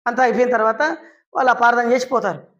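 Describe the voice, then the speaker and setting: A woman preacher giving a storytelling sermon, lively and full of questions she answers herself. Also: fairly high pitch, rapid-fire, muffled recording. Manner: lively, asks and answers her own questions; acts out quoted people in short voices.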